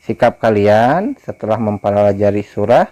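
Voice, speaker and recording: A man's voice: lowish voice, animated, mellow. A young man teaching children a Quran recitation lesson over distance learning, patiently repeating words and correcting pronunciation. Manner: recites verses slowly and drawn out, then explains pronunciation to children. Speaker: religion teacher.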